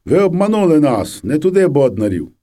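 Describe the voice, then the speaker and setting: A man reading the part of harsh soldiers who shout threats at villagers. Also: a little high, very animated, a little fast, pitched above the performer's own voice. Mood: menacing.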